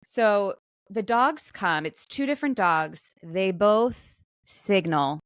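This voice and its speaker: In a clean, echo-free studio recording, a female talk show co-host speaks slowly and animatedly in a mid-range voice. She retells a viral story in casual conversation, slipping into quoted asides as she performs the lines.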